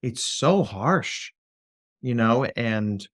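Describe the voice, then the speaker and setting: A man of middle pitch talks as a clinical psychologist guest on a podcast. He speaks in a lively, playful way and often breaks into goofy voices. The recording is dry and close, with little room sound. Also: drawn-out words, dry recording. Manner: animated, playful, slips into silly voices. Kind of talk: conversational podcast interview.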